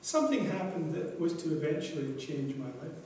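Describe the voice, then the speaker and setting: An older man, giving a prepared speech to a club meeting and telling a story from his childhood with measured pauses. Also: fairly high pitch, dark tone. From Scotland. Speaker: club speaker. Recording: echoey hall from far off.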